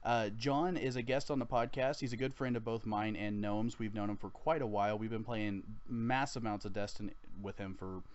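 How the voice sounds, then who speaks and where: A man's voice: on the low side, fairly even intonation, normal speed, hardly any pauses. Rambling male podcast host, lo-fi. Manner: rambling, restarts, laughs easily. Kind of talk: casual podcast chat.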